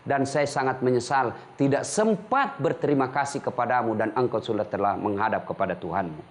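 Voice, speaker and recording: A man preaching on a TV show, lively and joking, telling humorous stories and often laughing as he speaks. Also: medium pitch, a little fast.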